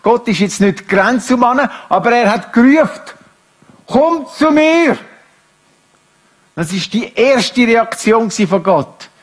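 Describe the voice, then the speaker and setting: A middle-aged man preaching a sermon, moving between quiet, reflective passages and raised, emphatic speech. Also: high voice, measured pace, few pauses.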